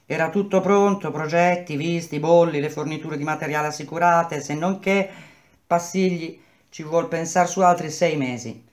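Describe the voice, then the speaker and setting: A woman reading aloud and voicing a middle-aged male contractor who smoothly explains hard news to his workers. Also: deep voice, fairly even intonation, normal speed, natural voice. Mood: persuasive. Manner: persuasive, explanatory, speaks to workers as a group.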